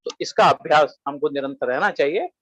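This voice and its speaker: A man giving a webinar lecture, listing points one by one in a measured way and quoting Sanskrit verses. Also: fairly high pitch, no room sound, poor audio.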